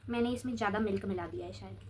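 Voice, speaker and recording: A woman's voice: mid-range voice, rapid-fire, a little hiss or hum. A teenage girl vlogging casually, telling a long school story in a chatty way while applying a face pack.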